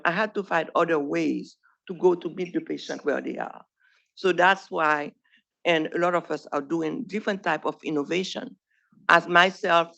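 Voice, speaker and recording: A Haitian woman with a Haitian accent and a low, creaky, slightly bright voice speaks into a podium microphone. She is a primary care doctor giving an earnest presentation to trainees, using plain speech with small grammar slips.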